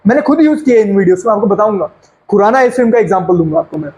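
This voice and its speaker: A man, teaching a sales lesson in an energetic, fast, conversational way and slipping English phrases into his talk. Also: high-pitched, rough recording. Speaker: sales coach. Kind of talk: sales training lecture.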